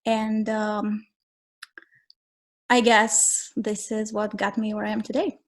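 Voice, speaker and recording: A woman in her forties from Romania, speaking as a podcast guest and telling her story in a measured, reflective way with frequent ums. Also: mid-range voice, completely flat delivery. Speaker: guest, travel photographer. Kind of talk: casual interview.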